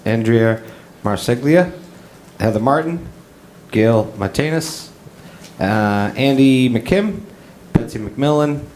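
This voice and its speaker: A man's voice: mid-range voice, darkish tone, a little hiss or hum. A man with a Boston accent, a town councilor, reads a long list of names, stumbling over some of them.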